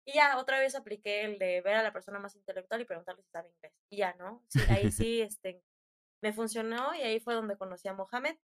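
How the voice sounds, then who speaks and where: A woman's voice: mid-range voice, brisk, fairly bright tone. A young woman with a Mexican Spanish accent, chatting casually and rambling through a story with slangy fillers.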